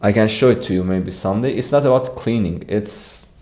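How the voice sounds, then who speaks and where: A young Iranian streamer, accent clearly Iranian, talks casually with viewers and tends to repeat words as he replies. He speaks fairly quickly in a warm voice on the low side.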